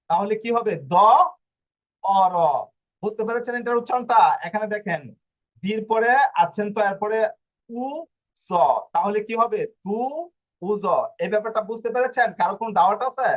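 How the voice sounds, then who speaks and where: A man teaching a language class online, explaining step by step and asking himself questions as he goes. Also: high voice. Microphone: video call.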